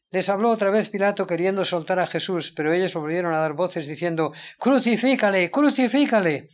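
A man, a preacher, reading Bible passages aloud in a measured, deliberate way. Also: a little high.

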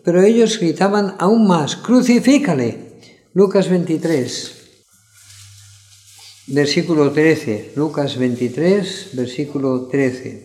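Male preacher reading scripture, measured and emphatic, slightly high voice, echoey room. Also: darkish tone. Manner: reads scripture slowly, stressing the crowd's cries. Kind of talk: sermon with Bible reading.

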